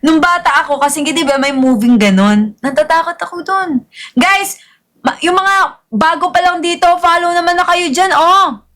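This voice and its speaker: A woman with a Filipino accent hosting a casual live gaming stream in an upbeat, hyped way, coaxing viewers to follow and repost. She has a soft, calming voice. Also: extremely high pitch, moderate pace, a little hiss or hum.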